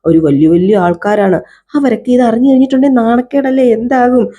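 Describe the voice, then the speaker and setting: A woman's voice: a little high, fairly quick, warm tone, dull audio, pitched above the performer's own voice, close to an everyday voice. A woman voicing a bitter, scheming older mother-in-law who talks indignantly and swears she will drive someone out. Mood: resentful. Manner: indignant, vowing.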